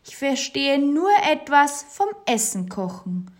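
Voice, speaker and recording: A woman's voice: lively intonation, slow. A woman voicing a proud storybook witch who can only cook, talking in a self-assured voice. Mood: smug. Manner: self-assured, then shrill when disgusted.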